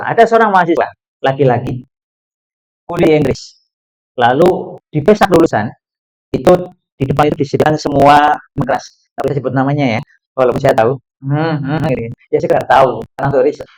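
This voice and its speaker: A male Islamic preacher at a boarding school gives a religious talk in a fairly high voice. He tells stories with lively energy and slips English phrases in among his words. The sound is dry and close. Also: no room sound, poor audio. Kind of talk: religious study talk with storytelling.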